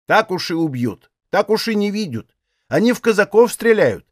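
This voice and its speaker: A man's voice: sits high, big pitch swings, normal speed, no room sound, clean studio sound, voice pushed up. A man voicing a nosy, grumbling old widowed Cossack aunt who chides in folksy village speech. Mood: scoffing. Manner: chiding, fussy village speech.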